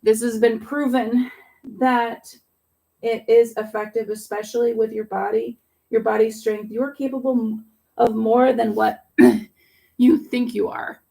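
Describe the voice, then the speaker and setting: A woman yoga instructor guiding a home yoga class in a relaxed way, with a raspy voice and pollen congestion. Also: on the high side, a little slow. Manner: relaxed, cueing poses with fillers. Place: home under construction. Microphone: laptop camera.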